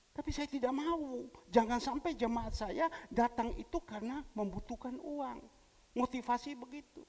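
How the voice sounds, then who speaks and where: A male pastor from preaching a sermon, telling a story with quoted dialogue and big swings in pitch and loudness. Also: creaky. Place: church hall. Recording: long church hall reverb.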